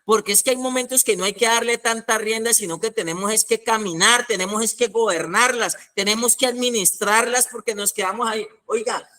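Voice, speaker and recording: A man preaching a teaching sermon, animated, acting out little scenes and asking his listeners questions. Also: high voice, a little fast, few pauses. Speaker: pastor.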